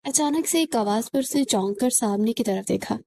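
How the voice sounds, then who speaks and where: A woman narrating a romantic novel in an emotive, expressive reading. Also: fairly high pitch, creaky, no echo.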